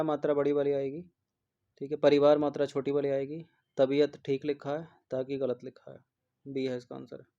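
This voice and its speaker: A male Hindi exam prep teacher with a dark, fairly high voice gives a spelling lesson, explaining answers. He repeats each word over and over and keeps checking in with "theek hai." The recording is dull and lo-fi.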